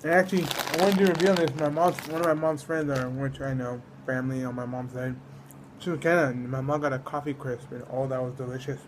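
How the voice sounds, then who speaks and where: A man's voice: medium pitch, little pitch movement, fast talker, noisy background. A man from the United States giving a casual, rambling food review, often trailing off mid-thought. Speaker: snack reviewer.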